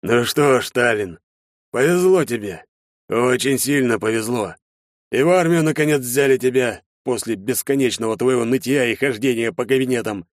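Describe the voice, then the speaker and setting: A man voicing a gruff older army major in an audiobook, commanding and scolding in a loud, barking way. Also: mid-range voice, normal speed, no echo, clean studio sound, voice pushed up, close to an everyday voice. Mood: stern. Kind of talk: audiobook character voice.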